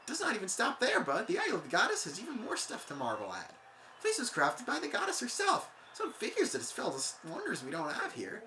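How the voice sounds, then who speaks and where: A gamer doing an excitable male rock creature who drawls like a surfer with a hillbilly twang, leaning on every "bud." The voice runs bright and swoops all over the place, and it bounces around an echoey room. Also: medium pitch, quick pace, a little hiss or hum, voice pushed up, full character voice. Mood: laid-back. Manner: calls the listener "bud".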